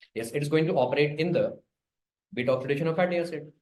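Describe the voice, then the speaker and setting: A little high and a little fast, with a darkish tone, an Indian-accented man teaches biochemistry for an exam in a casual style. He repeats himself emphatically, slips into Hindi, and tags his phrases with questions.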